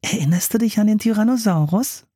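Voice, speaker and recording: A man voicing a bold, curious little girl in an audiobook, talking in a bright, mischievous way. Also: high voice, a little fast, breathy edge, no room sound, studio quality, voice pushed up. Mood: eager. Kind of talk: audiobook character voice.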